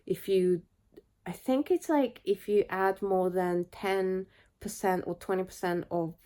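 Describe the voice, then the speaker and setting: A woman's voice: fairly low pitch, mellow. Lady vlogging from bed with a flu, nasal stuffy voice, chatty, camera at arm's length. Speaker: artist vlogger. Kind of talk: casual talk to camera. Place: her bed, indoors. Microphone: handheld camera at arm's length.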